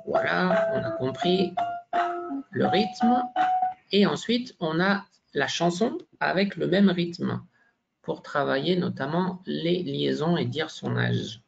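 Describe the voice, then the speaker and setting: A man's voice: on the high side, expressive, takes it slowly, gravelly, music in the background. A man giving a teacher-training workshop presentation, hesitant, with many fillers and frequent tag questions. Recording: dull lo-fi sound.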